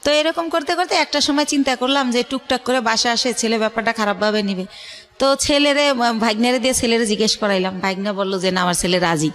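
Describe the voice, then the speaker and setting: Fast and a bit bright, this high-leaning female voice belongs to a middle-aged radio guest with a colloquial Bangladeshi accent. She narrates her personal story conversationally, performing the reported dialogue, while soft music plays in the background.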